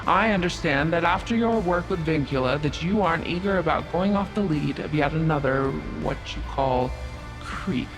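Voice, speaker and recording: In an audio drama, a woman voices a proud, cunning otherworldly stranger, delivering her lines in a measured, formal and dryly sarcastic way with a haughty, vengeful mood. Her voice is low, the recording quality is poor, and music plays prominently behind her.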